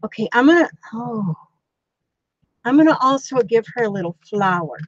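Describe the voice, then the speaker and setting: An older woman chatting casually on a craft livestream, thanking viewers warmly and exclaiming often as she sews. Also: on the high side, expressive, normal speed, no room sound, muffled recording. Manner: chatty, gushing thanks to viewers with frequent gasps. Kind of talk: casual live-stream chat while sewing.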